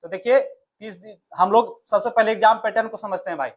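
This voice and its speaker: With a Bihar accent, a man in a high voice gives an informal exam strategy lesson at a slightly quick pace. He coaches listeners in a familiar way and often answers his own questions.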